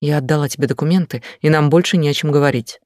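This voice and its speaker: A man's voice: a little high, fast, a little mellow, no room sound, studio quality, natural voice. A man voicing an indignant, hurt wife in an audiobook, talking back firmly.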